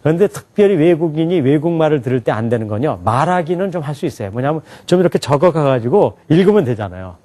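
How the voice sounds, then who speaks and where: A man teaching a class in a lively lecture style, often asking the students questions and laughing along. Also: on the high side, fast, few pauses. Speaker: English teacher at an alternative school.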